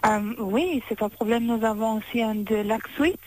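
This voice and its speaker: Polite, higher-voiced woman receptionist. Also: a little mellow, poor audio. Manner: polite, formal, slightly halting French. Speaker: hotel receptionist. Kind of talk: phone call.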